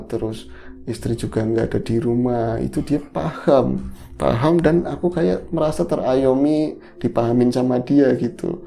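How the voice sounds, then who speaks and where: A man hosting a casual horror storytelling chat, animated and acting out the dialogue he recounts. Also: mid-range voice, gravelly. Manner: animated, acts out quoted dialogue. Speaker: podcast host.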